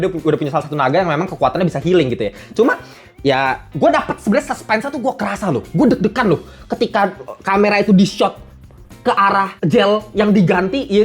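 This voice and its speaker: A young woman reviewing a series in a casual, blunt and animated way, full of slang and the odd swear word. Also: mid-range voice.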